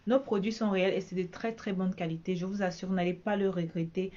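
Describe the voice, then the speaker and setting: A woman's voice: mid-range voice, fairly even intonation, fast, dark tone, muffled recording. A woman from Cameroon with a Cameroonian French accent, chatting casually in a vlog as a bridal shop owner, repeating herself often.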